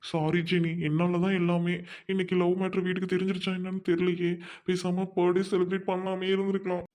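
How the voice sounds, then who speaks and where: A woman's voice: lowish voice, monotone, a little mellow, lightly acted. A woman voicing an anxious lovesick college boy. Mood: worried. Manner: quick, earnest, worried. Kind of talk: amateur audio drama.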